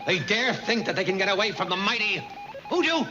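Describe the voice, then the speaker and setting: An actor playing a pompous, scheming villain sorcerer who rants theatrically in a children's TV show, on muffled old audio with loud music. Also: medium pitch, animated, a little fast, close to an everyday voice. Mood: scheming, irritated. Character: bombastic, scheming villain sorcerer Hoodoo, quick to rage.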